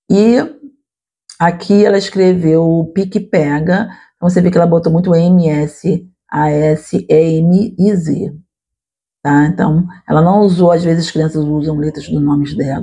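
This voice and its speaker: A woman's voice: sits low, creaky, dark tone, husky. A woman teacher, explaining her classroom work in a lecture and checking in with listeners as she goes. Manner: explanatory, addresses listeners directly with frequent "tá?" and "né?".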